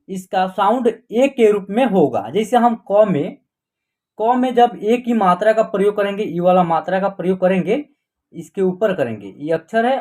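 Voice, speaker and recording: A man teaching an online Hindi lesson, patiently sounding out letters and words one at a time. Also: high voice. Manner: slow and patient, repeating and sounding out each letter.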